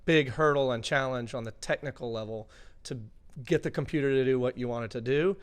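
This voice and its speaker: A man as a podcast guest, explaining his work thoughtfully and filling pauses with asides. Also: mid-range voice, clean tone. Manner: thoughtful, explaining with many fillers. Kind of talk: casual interview chat.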